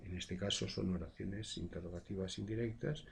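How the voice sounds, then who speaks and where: Low, gravelly teacher, a man. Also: fairly even intonation, moderate pace, slight background noise. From Spain. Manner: explains patiently with frequent "eh" fillers and tag questions. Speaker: secondary school language teacher. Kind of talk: recorded grammar lesson.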